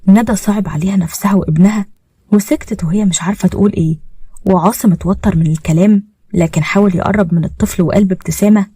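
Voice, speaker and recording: A woman narrator reads a story aloud in an Egyptian accent at a brisk clip, steady and plain. Her voice is close to the mic and dry, with no room around it. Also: medium pitch, slightly rough, dry recording.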